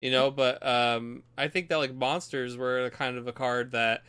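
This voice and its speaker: A man co-hosting a casual card game podcast, chatty and enthusiastic, quick to laugh. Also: mid-range voice, steady tone, bright, forceful tone, smooth. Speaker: podcast co-host.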